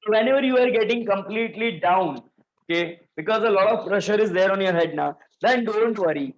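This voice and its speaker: A man's voice: high voice, brisk, poor audio. Male teacher, storytelling classroom lecture. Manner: storytelling, coaxing, checks understanding often.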